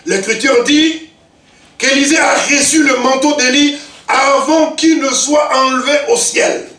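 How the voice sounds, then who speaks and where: A man in his fifties preaching a sermon, swinging between loud shouts and low, emphatic asides. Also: unhurried. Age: 50s. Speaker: pastor. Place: church. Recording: echoey church hall, mic at a distance.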